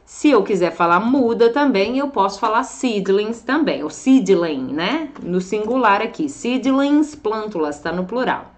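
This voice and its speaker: Woman, English teacher from Brazil, careful drawn-out pronunciation, lively pitch. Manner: frequent check-ins like "tá bom?" and "ó". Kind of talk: vocabulary lesson.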